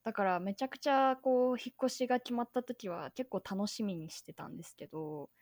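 A woman's voice: medium pitch, fairly quick, darkish tone, no room sound, studio quality. A young woman from Tokyo, a podcast host, chatting in a bubbly, self-deprecating way over a remote call. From Tokyo, Japan. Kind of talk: casual podcast chat.

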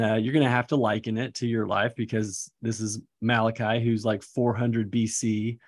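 A man co-hosting a casual scripture teaching discussion, easygoing and filler-heavy, laughing lightly as he talks. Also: on the low side.

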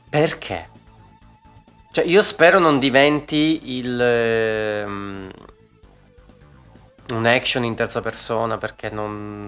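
Male host, lively off-the-cuff stream chat, salty language, music low underneath. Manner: animated, swears freely, frequent fillers. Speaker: talk show host. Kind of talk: casual live-stream chat.

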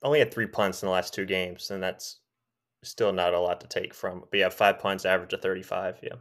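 Deep-voiced earnest co-host man. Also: fairly even intonation, fairly quick, a bit bright. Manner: earnest, repeats himself, frequent yeahs. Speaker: podcast co-host. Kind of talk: casual sports chat.

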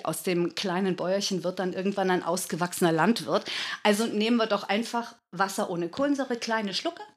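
A woman in her fifties giving lively, demonstrative advice as a speaking coach in a studio talk. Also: medium pitch, slightly rough. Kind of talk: instructive advice in a talk show.

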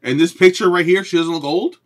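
A man co-hosting a casual podcast, teasing his partner and laughing often, sometimes dropping to a low mutter. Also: fast talker. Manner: teasing, laughs a lot, drops low and quiet. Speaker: podcast co-host. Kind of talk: casual chat.

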